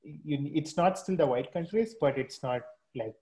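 A man's voice: a little high, normal speed, mellow. A young man from India with an Indian accent explaining things in casual chat as a guest, with hesitant repeated starts. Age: young adult. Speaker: podcast guest. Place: room at home, video call.

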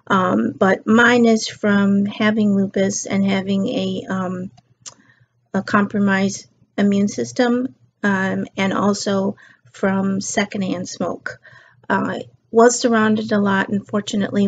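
A tired, middle-aged beauty and lifestyle vlogger sits on her living room couch chatting casually to camera, drifting between topics. Her medium-pitched voice is slightly raspy. The built-in webcam mic gives dull, lo-fi audio.

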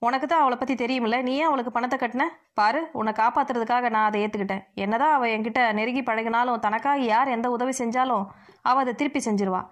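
A woman's voice: on the high side, fast talker, lightly acted. A woman reading as a frank, scolding young friend. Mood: reproachful.

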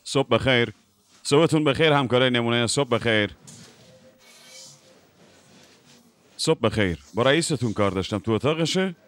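A man's voice: medium pitch, a bit bright, lightly acted. A man dubbing a defiant younger brother arguing about the family company in a TV drama. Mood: greeting. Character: stubborn younger brother, brash businessman. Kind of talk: Persian dub of a TV drama.

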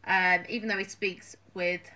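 A woman listing examples in a slow, deliberate, amused way. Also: on the low side, flat delivery, pushed and bright, recorded from a distance. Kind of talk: casual storytelling.

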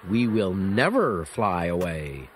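A man voicing a stubborn, contented swarm of bees in a storybook read-aloud, slow and singsong. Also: low voice, big pitch swings, a little hiss or hum, pitched below the performer's own voice, full character voice. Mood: smug.

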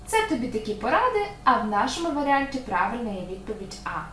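A woman teacher giving an exam-prep video lesson, talking straight to the viewer with lively, emphatic delivery. Her voice sits a bit high. The room is echoey, with a faint hiss underneath. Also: quick pace.

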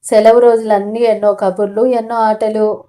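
Mellow woman narrating a novel. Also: medium pitch, little pitch movement, moderate pace. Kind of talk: reading a novel aloud.

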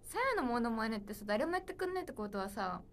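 A woman's voice: fairly high pitch, big pitch swings, fast. Playful young woman chatting on a livestream. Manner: chatty, playful, reads viewer comments aloud. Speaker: idol livestream host. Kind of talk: casual livestream chat.

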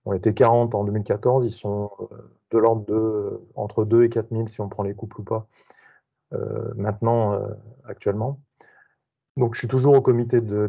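A man from an association introduces himself on a video call, his lowish voice warm but hesitant, with many fillers and restarts. The call audio sounds dull.

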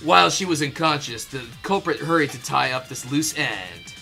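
Over music, someone performing a fandub reads a game script aloud, breaking into playful, casual asides and laughing easily. Their mid-range voice is creaky, with lively intonation, and the reading blends scripted narration with joking chat.

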